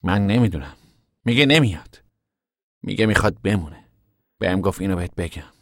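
A man voicing a blunt, restless young adult son in an audiobook, talking in rough colloquial speech. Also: low voice, expressive, no echo, studio quality. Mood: troubled. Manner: rough, plain-spoken colloquial talk. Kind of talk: audiobook character voice.

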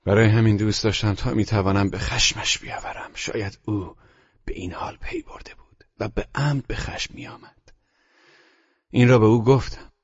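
Husky man narrating a novel. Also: lowish voice, steady tone, dry recording, muffled recording. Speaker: audiobook narrator. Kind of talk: first-person literary narration.

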